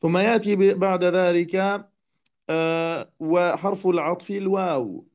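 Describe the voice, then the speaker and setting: A man teaching Quran recitation rules, explaining calmly and slowing down to demonstrate the words. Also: high-pitched. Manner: measured, demonstrates recitation slowly. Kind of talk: tajweed lesson explanation.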